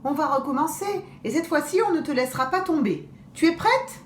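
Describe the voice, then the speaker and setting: Sly, mischievous little girls from a storybook chirp and coax in high, bouncing voices, as a woman puts them on. The room echoes around the voice. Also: lively intonation, brisk, slight background noise. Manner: childlike, coaxing.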